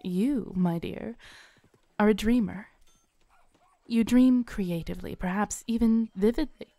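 In a soft-spoken audio roleplay addressed to the listener, a woman plays a kindly, playful, knowing tarot reader at a Renaissance faire. Her mid-range voice is smooth and soft, sounding intrigued and knowing as she speaks very slowly and soothingly, with theatrical flair and dramatic pauses. The close studio mic gives a dry recording.

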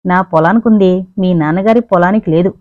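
A woman voicing a polite, calm young man who speaks softly and teases gently, in an audiobook reading. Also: on the low side, brisk, no room sound, close to an everyday voice. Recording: dry, narrow phone-like sound.

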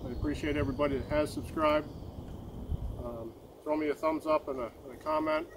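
A man's voice: a little high, sing-song, fairly quick, gravelly, background noise. Easygoing man chatting in an outdoor yard. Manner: easygoing, rambling, repeats words and restarts. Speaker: woodworking channel host. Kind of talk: casual outdoor workshop commentary. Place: outdoor sawmill yard in the woods.

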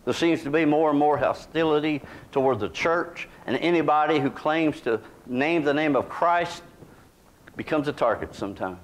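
Folksy pastor preaching. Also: male voice, a little high, moderate pace. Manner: folksy, conversational preaching with restarts and asides. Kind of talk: sermon. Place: small church sanctuary, indoors.

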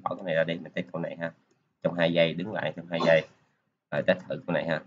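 A programming teacher gives a casual screen-recorded coding lesson, talking his way through each step as he clicks along and using lots of filler particles. He has a deep voice with little pitch movement and races along; the highs are cut off, with a little hiss or hum.

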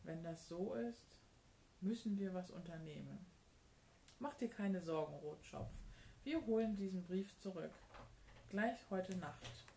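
A woman voicing a curious, cheeky male fox in a children's story, slow and a bit gravelly. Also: lowish voice, expressive, mellow, roomy sound, slight background noise. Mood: reassuring. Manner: teasing, then reassuring.

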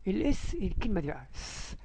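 رجل بلهجة مصرية يشرح درسًا في الصوتيات الإنجليزية لأطفال صغار، ويمدّ أصوات الحروف ببطء. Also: male voice, sits high, sing-song, dark tone, slightly rough, dry recording, low-quality recording. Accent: Egyptian Arabic. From Egypt. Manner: slow, drawn-out sounding of letters. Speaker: English teacher for young children. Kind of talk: phonics lesson.

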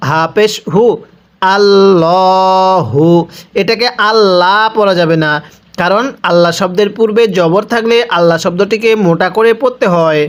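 His voice sits high and sounds a bit bright and clean, with a fairly quick pace. This man, speaking with a Bangladeshi Bengali accent, teaches Quran reading through a slow spelled-out recitation, patiently spelling letters and vowels and elongating each word for the listener to say back.

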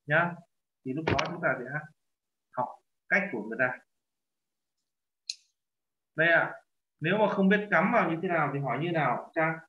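A man leads a language lesson, patiently correcting a student's pronunciation and repeating phrases slowly. His voice sits slightly high. The recording is lo-fi and echoes around the room. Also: lively intonation. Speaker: Korean language teacher. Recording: echoey, dull lo-fi room sound.

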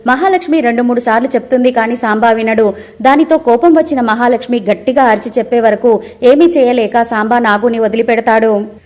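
A woman's voice: on the high side, a little fast. A woman narrating a recap of a TV serial, telling the story and briefly acting out the characters' lines. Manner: lively, raises voice for quoted lines. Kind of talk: storytelling recap with acted quotes.

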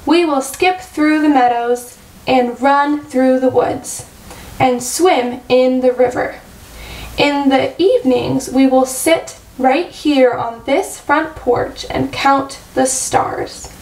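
Woman reading as a cheerful eager storybook frog, high and unhurried, bright urging tone, roomy echo, set back from the mic. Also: distant mic.

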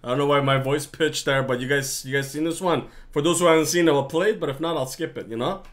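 A man co-hosting a live reaction stream, chatting casually and excitably with slang while he talks to viewers. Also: a little high, quick pace.

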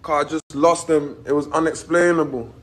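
A man's voice: a little high, fairly even intonation, moderate pace, fairly bright tone, breathy edge. Slangy young man, teasing. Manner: slangy, teasing, laid-back storytelling. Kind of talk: casual banter on a live stream. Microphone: phone.

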